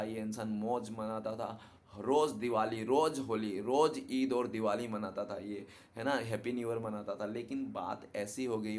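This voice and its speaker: A man with a slightly mellow voice on the low side gives his viewers a casual tarot card reading. He is chatty and often throws in the tag "ठीक है ना" to check that they're keeping up.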